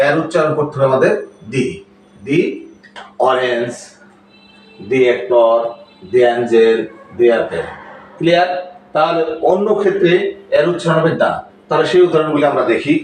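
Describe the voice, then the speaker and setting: A man teaching a spoken English lesson who explains slowly, repeats his points and checks with "clear?". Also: medium pitch, far from the mic, a little hiss or hum. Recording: very echoey room, voice off-mic.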